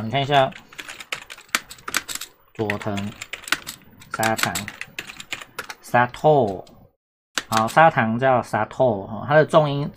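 A man's voice: mid-range voice, noisy background. A man teaching a casual exam-prep lesson, repeating points and checking whether students follow. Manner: chatty, repetitive, asks "懂哈？有没有？" often. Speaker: Japanese teacher.

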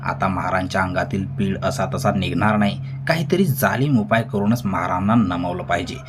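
A man reading a story aloud in a measured, grave narrating manner. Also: low-pitched, music in the background.

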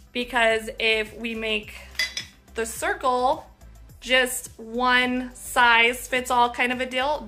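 A woman's voice: on the high side, fairly bright tone. A woman in her thirties giving a casual, upbeat step-by-step woodworking tutorial in her shop, filmed on a phone held at arm's length. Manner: upbeat, chatty, laughs at own slips. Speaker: woodworking instructor. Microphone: phone camera at arm's length.

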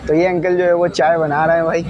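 A young man with a Pakistani Urdu accent vlogs casually while standing on a station platform. His fairly high voice keeps calling his viewers brother and fills the gaps with loose fillers. He is recorded on a small lapel mic, with faint station noise behind him. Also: flat delivery, fast talker, lo-fi sound. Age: young adult. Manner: chatty, addresses viewers as "bhai" often, frequent fillers. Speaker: vlogger. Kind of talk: casual vlog to camera. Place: outdoor railway station platform.

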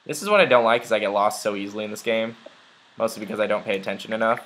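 Speaking very fast in a lowish, fairly bright voice, a young gamer rambles through a let's play full of ums and uhs. His commentary is casual and chatty, and the audio is poor.

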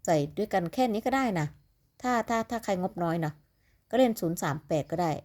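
In a mid-range, darkish voice that's animated and brisk, a woman with an Isan accent tips lottery numbers for her viewers. Though she sounds sleepy, she's chatty and rambling, calling them "little siblings."

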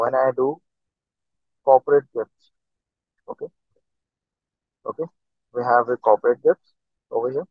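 A man's voice: medium pitch, no room sound. A male instructor giving an online lecture, heard through a screen recording of the class, walking through each step and saying "okay" again and again. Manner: explains step by step, says "okay" constantly. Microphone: computer mic on a video call. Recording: tinny dry online call audio.

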